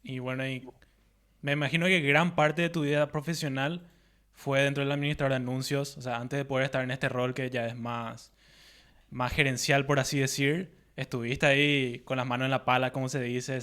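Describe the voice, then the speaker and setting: Flat-voiced man co-hosting. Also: medium pitch, moderate pace. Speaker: podcast co-host. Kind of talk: podcast interview.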